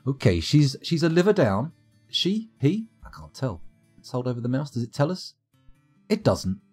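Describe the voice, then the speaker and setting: A man's voice: medium pitch, big pitch swings, moderate pace, a little mellow, slightly rough, faint music behind. A man streaming a strategy game, chatting wryly over livestream microphone audio at home and reading game reports aloud. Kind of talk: casual livestream commentary.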